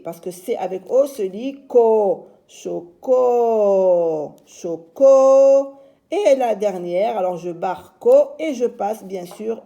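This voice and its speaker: Woman teacher, slow and patient, spelling out syllables for little kids, mellow voice. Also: mid-range voice, creaky. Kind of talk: reading lesson for young children.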